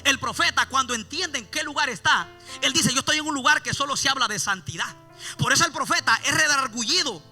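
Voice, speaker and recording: A man preaching an impassioned evangelical sermon, repeating his refrains and swelling loud, then dropping low. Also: fairly quick, soft background music. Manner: impassioned, repeats "mi amado hermano".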